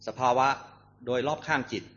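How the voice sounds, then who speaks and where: A man teaching meditation, answering questions in a slow, measured dharma talk with pauses between phrases. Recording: dull lo-fi recording.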